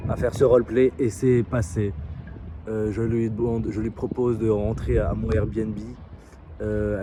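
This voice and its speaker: A man from France with a French accent, telling a story in a casual vlog, chatty and full of filler hesitations, recorded outdoors in a city. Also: fairly low pitch. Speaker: seduction coach vlogger. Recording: faint outdoor street noise.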